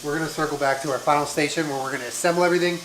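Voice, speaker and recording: A young man walking through a home cooking demo and tasting the food, easygoing and relaxed. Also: a little high, rapid-fire, slight background noise. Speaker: home cook. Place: home kitchen. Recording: echoey room, faint music.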